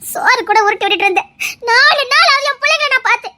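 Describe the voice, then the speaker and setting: A woman's voice: very high-pitched, quick pace, full character voice. A woman voicing a fierce, protective middle-aged village mother in an audio drama, who scolds, curses and sobs. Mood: furious. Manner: scolding, shouting, cursing, sobbing. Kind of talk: Tamil audio drama acting.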